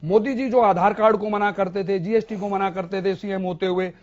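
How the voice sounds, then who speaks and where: A man's voice: high voice, steady tone, a little fast, lo-fi sound. A man speaking as a political analyst on a TV debate, emphatic and explaining with examples. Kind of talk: TV news debate.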